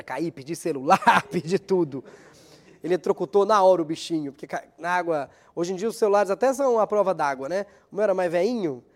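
A man doing a rambling, self-mocking comic monologue as host of a weekly segment, laughing at his own jokes, his speech slightly hampered by a new dental aligner. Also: high-pitched. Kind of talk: stand-up style comic monologue.

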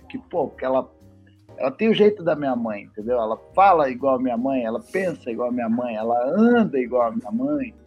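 A man's voice: fairly high pitch, slightly rough, lo-fi sound. A male comedian telling a short joke in a casual, slangy manner. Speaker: comedian guest.

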